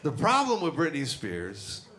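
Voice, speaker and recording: A man's voice: on the high side, huge pitch swings, unhurried. A man doing a crude, brash stand-up set on a comedy club stage, talking into a handheld mic while an audience laughs. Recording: echoey club with loud crowd.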